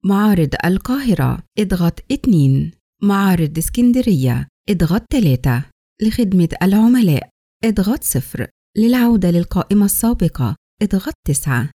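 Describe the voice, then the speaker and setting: Mellow Egyptian woman, customer service voice. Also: mid-range voice, very animated, normal speed, no room sound, clean studio sound. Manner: polite, formal scripted delivery. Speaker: phone menu announcer. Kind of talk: customer service voice, recorded phone menu prompts.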